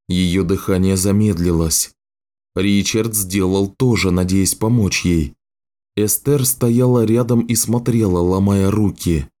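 A man reading a fantasy audiobook as narrator, in a measured, even manner. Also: on the low side. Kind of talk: scripted narration.

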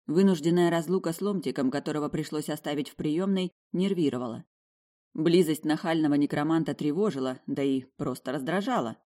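A woman's voice: deep voice, fairly quick. Woman narrating a wry fantasy audiobook. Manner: wry, lively storytelling. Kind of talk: first-person fantasy narration.

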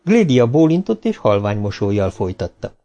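A man narrating a novel as an audiobook, reading in a calm, measured way. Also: fairly low pitch, muffled recording, soft background music.

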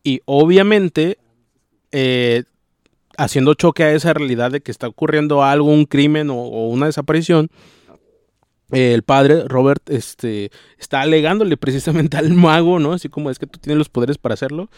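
A man's voice: fairly high pitch, moderate pace, darkish tone, dry recording, studio quality. A man with a Mexican accent casually retelling a novel's plot, rambling and tagging nearly every phrase with a question. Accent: Mexican Spanish. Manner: slangy and informal. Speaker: book discussion host.

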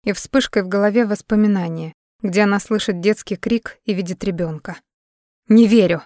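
A woman reading a dramatic novel aloud in steady audiobook narration. Her voice sits at a middle pitch and sounds close and dry, with no room around it. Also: a little fast, no echo.

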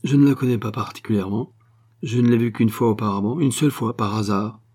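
A man's voice: medium pitch, fast talker, dark tone, breathy edge, natural voice. A man voicing an awkward, easygoing army captain who answers evasively.

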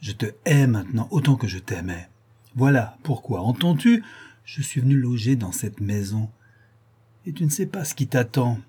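A man's voice: mid-range voice, very animated, normal speed, dark tone, breathy edge. A man voicing a scornful, vengeful young woman, an ex-model, mocking and menacing. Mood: bitter menacing. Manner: mocking, then bitter and menacing.

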